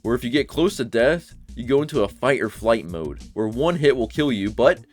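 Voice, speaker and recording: A man's voice: mid-range voice, expressive, normal speed, faint music behind. Brief: young man, mid-range voice, blunt, profane game-review commentary. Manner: sarcastic, blunt, swears. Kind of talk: casual video game commentary.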